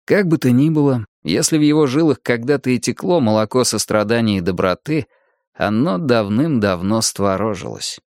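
Expressive male audiobook narrator. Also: medium pitch, normal speed, no room sound, studio quality.

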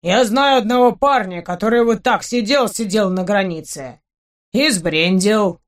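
A woman voicing a gruff mustached male camp guard in a spoken storybook, muttering and grumbling. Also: medium pitch, measured pace, lightly acted.

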